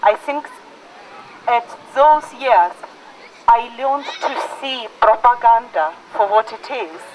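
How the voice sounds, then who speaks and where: A woman in her forties from Ukraine with a Ukrainian accent, a university lecturer giving an earnest, deliberate prepared speech. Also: fairly high pitch, lo-fi sound, a little hiss or hum. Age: 40s. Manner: earnest, deliberate, repeats for emphasis. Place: outdoors in a park.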